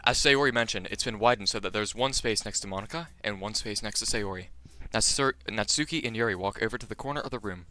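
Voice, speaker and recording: A young man reads a visual novel aloud on a live stream, his fairly low voice quick and with few pauses. Between lines he jokes with his chat in an animated way, with faint music behind him.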